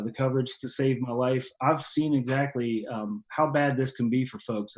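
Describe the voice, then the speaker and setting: A man's voice: medium pitch, a little mellow. Guest man, plain mid voice, earnest thanks, hesitant fillers. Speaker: guest speaker. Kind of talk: thanking a senator at a virtual town hall.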